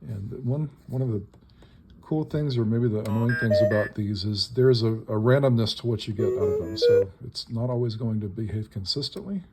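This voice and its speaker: Speaking over music at normal speed, a man with an expressive, medium-pitched voice demonstrates a modified electronic instrument in a casual, hands-on way. He explains piecemeal in short, tentative phrases. Device buzz and clicks make the recording very noisy, with electronic toy noises and button clicks behind him.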